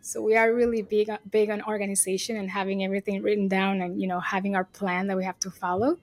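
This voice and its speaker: She's a guest on the show, an agency CEO with a Venezuelan Spanish accent, walking through her work in loose, casual interview answers. She sounds upbeat and self-assured, speaking fast with little pitch movement in a middle range, and keeps dropping fillers like "you know" and "like."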